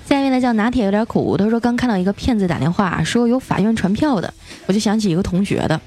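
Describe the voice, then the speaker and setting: A woman's voice: mid-range voice, fast, dark tone, soft background music. A woman hosting a comedy podcast, reading out listener jokes in a playful, teasing way and putting on voices for the characters. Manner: playful, teasing, self-mocking, laughs often; acts out quoted characters with shifting voices.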